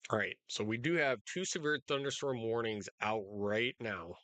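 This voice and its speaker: A man hosting live storm coverage in a casual, unscripted, halting way, speaking directly to his viewers. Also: mid-range voice, animated, a bit bright, no echo. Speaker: storm-coverage livestream host.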